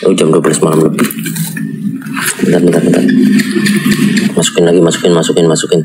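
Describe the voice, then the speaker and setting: Male host, deep voice, urgent spiritual-guide manner on a horror vlog. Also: little pitch movement, fairly quick, very noisy. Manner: urgent, repeated religious exclamations. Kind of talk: unscripted horror night vlog.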